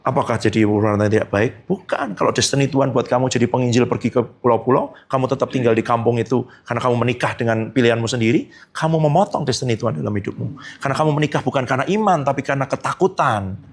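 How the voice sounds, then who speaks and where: A male pastor preaching a sermon at a church service, lively and colloquial, often jumping high in pitch and acting out quotes. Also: fast talker. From Indonesia. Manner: colloquial, frequent tag phrases.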